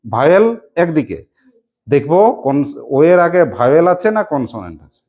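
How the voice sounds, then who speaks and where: A woman teaching an English grammar lesson to a class, asking quick questions and spelling words out letter by letter. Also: low voice, very animated, warm tone.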